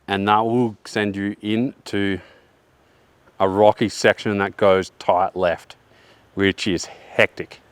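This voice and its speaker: Outdoors on a forested slope, a young man from Australia walks a downhill bike course and chats about it casually. He's laid-back, jokey and slangy, a bit short of breath, speaking slowly in a lowish, clear, resonant voice with little pitch movement.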